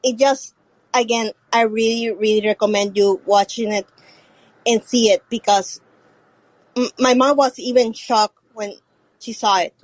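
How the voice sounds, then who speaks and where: Female call-in guest, native Spanish speaker, Puerto Rican accent. Careful, halting English, unhurried, dry sound. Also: a little high, steady tone, dry recording, poor audio. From Puerto Rico. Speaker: caller. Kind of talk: casual call-in talk.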